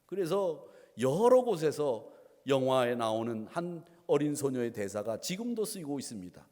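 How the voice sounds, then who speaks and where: A man's voice: medium pitch, big pitch swings, normal speed, darkish tone. A male pastor delivering a Sunday sermon, asking the congregation rhetorical questions and mixing in playful asides. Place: church sanctuary. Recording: long church hall reverb.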